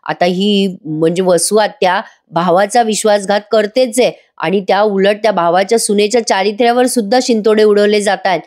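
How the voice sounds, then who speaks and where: A woman's voice: mid-range voice, fairly even intonation, normal speed, hardly any pauses, darkish tone. A woman doing a voice-over recap of a TV serial, chatty and talking straight to viewers. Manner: chatty, addressing viewers directly. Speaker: TV serial reviewer.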